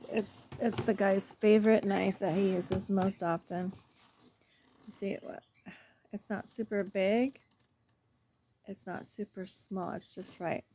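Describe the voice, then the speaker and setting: A woman's voice: mid-range voice, warm tone, slight background noise. A middle-aged woman talking casually in a rambling diet vlog, tired after a night shift and often dropping to a near whisper. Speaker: vlogger.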